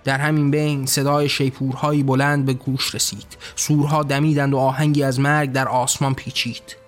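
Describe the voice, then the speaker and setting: A man's voice: mid-range voice, little pitch movement, faint music behind. Solemn male story narrator.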